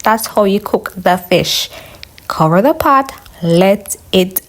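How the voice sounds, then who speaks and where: Casting: female home cook with Jamaican accent, medium pitch, chatty step-by-step narration for online viewers. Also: lively intonation, takes it slowly. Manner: chatty, instructional, addressing viewers as guys. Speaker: home cook, video host. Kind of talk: casual cooking voice-over.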